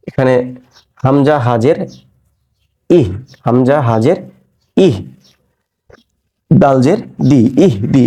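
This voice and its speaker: A man teaching Quran reading in an online class, patiently spelling out letters and sounds and asking learners quick check questions. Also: mid-range voice, dark tone. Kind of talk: recorded online lesson.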